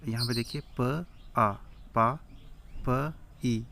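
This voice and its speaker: Slow gravelly man teaching the alphabet. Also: mid-range voice, sharp tone, slight background noise. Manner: sounds out letters one by one, asks and answers his own questions. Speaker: Urdu script teacher. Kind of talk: slow spelling-out lesson.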